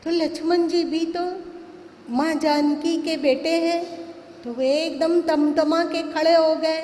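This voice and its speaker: A woman spiritual teacher tells a devotional story with dramatic emphasis. Her voice sits high and her delivery is slow. A long hall reverb trails after every phrase. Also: steady tone, warm tone, slight background noise.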